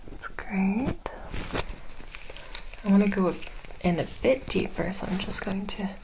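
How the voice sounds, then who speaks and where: A woman speaks very softly, mostly in a whisper, in an ASMR ear-exam role-play. She plays a gentle clinician who explains each step at a slow pace. The recording carries clear noise with small clicks. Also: medium pitch.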